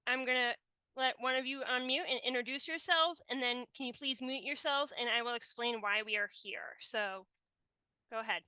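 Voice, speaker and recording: Bright, clear-voiced woman host. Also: high voice, dry recording. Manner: friendly, organizing guests. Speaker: podcast host. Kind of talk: casual tribute podcast hosting.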